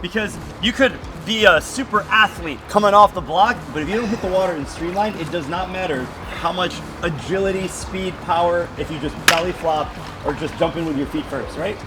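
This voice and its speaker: A man's voice: sits high, a little fast, noisy background. A man in his thirties coaching a group through a demonstration outdoors at a swimming pool, projecting his instructions. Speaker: swim coach and presenter. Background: background music.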